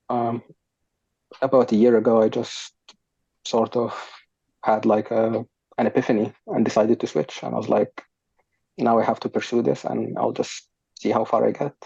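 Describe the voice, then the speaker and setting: This young Sudanese podcast guest sounds creaky, husky and dark, with a flat delivery at medium pitch, normal speed and frequent pauses. He responds thoughtfully, somewhat hesitantly and with many fillers, using a headset on a video call from a sofa in his home room. The lo-fi call audio is dull, without any room sound.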